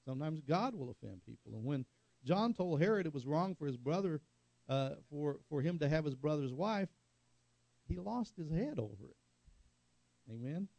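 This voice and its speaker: A middle-aged male pastor preaching in a loose, conversational way, stopping often to ask for an amen. His voice is gravelly and mellow, sitting a little higher than most men's. The sound is dry and close. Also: expressive, moderate pace, no room sound, lo-fi sound. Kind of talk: sermon.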